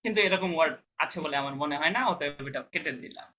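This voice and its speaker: Patient, bright-voiced man teaching a class. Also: a little high, fast, slight background noise. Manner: patient, step-by-step, checks understanding. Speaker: language teacher. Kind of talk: online class explaining pronunciation rules.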